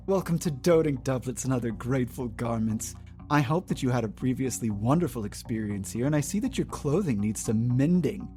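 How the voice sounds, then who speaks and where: Tabletop RPG shopkeeper, played by a man: sarcastic, mock-polite customer service voice, quietly menacing. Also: mid-range voice, natural voice. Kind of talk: improvised tabletop role-play.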